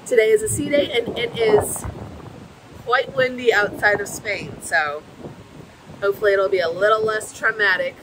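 An American woman in her thirties vlogs to a phone camera held at arm's length, moving between a ship deck and a port terminal. Her mid-range voice has lively intonation at a normal speed as she chats casually and explains each step, with a noisy background behind her.

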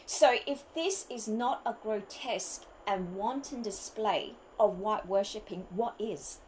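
A woman's voice: mid-range voice, a little slow, darkish tone, slight background noise, poor audio. Emphatic woman arguing a point. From Australia. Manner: emphatic, argumentative, rhetorical questions. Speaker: vlogger. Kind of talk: opinion monologue, rebuttal.

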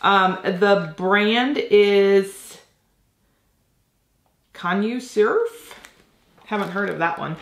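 A woman in her forties, a reseller vlogger, chats casually while unboxing items at a desk in her home office, her medium-pitched voice slightly nasal from a cold. She talks very slowly with long pauses, thinking aloud as she handles things, and the sound is roomy.

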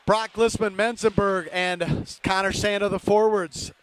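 A man's voice: high voice, fairly even intonation, a little slow, a bit bright, smooth. A man giving amateur play-by-play hockey commentary from rink stands in clipped phrases, openly rooting for the home team. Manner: clipped phrases naming players. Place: indoor ice rink, from the stands.

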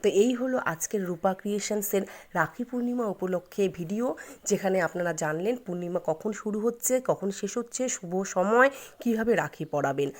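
Woman channel host, middle-pitched, earnest how-to explainer on festival customs. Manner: earnest, advising, reciting a mantra slowly. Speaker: channel host giving ritual guidance. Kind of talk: instructional explainer.

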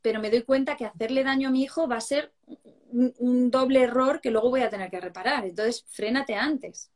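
Woman psychologist, kinda high voice, explains stuff earnestly, lots of "¿no?". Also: fairly quick, a little mellow. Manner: explanatory, earnest, rhetorical questions. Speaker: psychologist guest. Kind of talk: casual live-stream chat on parenting.

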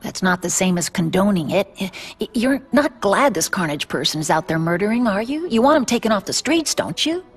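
An actress playing a caring, protective middle-aged widowed aunt, speaking gently and earnestly in a slightly husky voice. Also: female voice, mid-range voice, very animated, fairly quick, few pauses. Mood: concerned. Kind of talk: naturalistic game cutscene acting.

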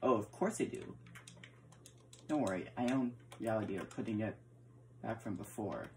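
A woman with a very deep voice talks at a moderate pace over slight background noise. Playing out a block-building game in casual conversation, she keeps stammering and repeating words. The camera capturing her is indoors, pointed at a TV screen.

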